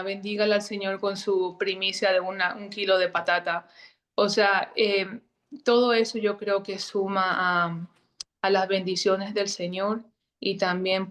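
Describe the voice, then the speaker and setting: A woman's voice: medium pitch, a bit bright. A woman in a congregation sharing earnest, hesitant words at a devotional on a video call.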